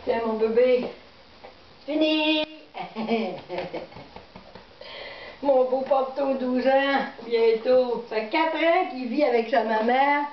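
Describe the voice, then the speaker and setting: A woman's voice: sits high, slow pace, long pauses. A woman with a Québécois accent chatting to her dog at home in doting baby talk, laughing often. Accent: Québécois French. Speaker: dog owner. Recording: echoey, dull, noisy home recording.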